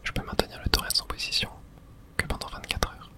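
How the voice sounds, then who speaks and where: This ASMR gaming clip features someone reading dialogue aloud in a hushed, unvoiced whisper at a brisk pace.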